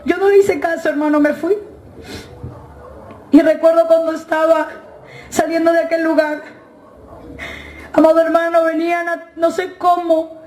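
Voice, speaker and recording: Woman, very high voice, flat delivery, emotional church testimony, echoey hall. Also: normal speed, long pauses. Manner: keeps addressing listeners as "hermano". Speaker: church member giving a testimony. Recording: echoey hall with faint noise.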